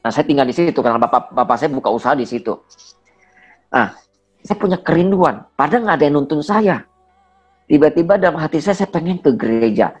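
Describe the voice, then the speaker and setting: A man's voice: fairly high pitch, lively intonation, brisk, husky, soft background music. A man around forty, a pastor, giving an earnest personal testimony in conversation, speaking emphatically with a slight stammer. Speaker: pastor, guest.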